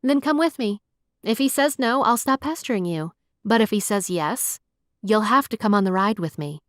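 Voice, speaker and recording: A woman's voice: mid-range voice, animated, moderate pace, dry recording, clean studio sound, close to an everyday voice. A woman reading an audiobook voices a playful, persistent young woman who coaxes and wheedles. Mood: coaxing. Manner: wheedling, bright and coaxing. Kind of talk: audiobook character voice.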